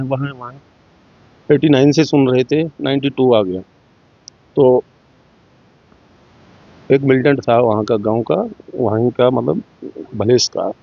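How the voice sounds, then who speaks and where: In a muffled, dull, dry recording, a middle-aged Jammu and Kashmir man recounts his personal story during an interview. His medium-pitched voice has vocal fry, and he acts out conversations with small vocal shifts, speaking in earnest.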